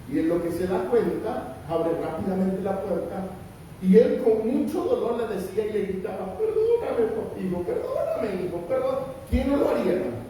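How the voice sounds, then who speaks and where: A male pastor preaching a sermon with impassioned, rising and falling emphasis in a church hall. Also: mellow. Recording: roomy echo, distant mic, faint rumble.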